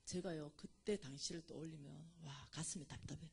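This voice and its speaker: A middle-aged woman giving an animated testimony lecture at church, acting out the voices she quotes. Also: sits low, normal speed, breathy edge.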